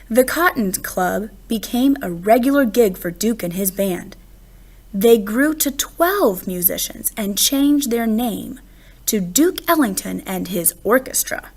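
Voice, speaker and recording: A children's picture book is read aloud by a woman whose voice sits in the mid range. She narrates expressively, choosing her phrasing with care and stressing words.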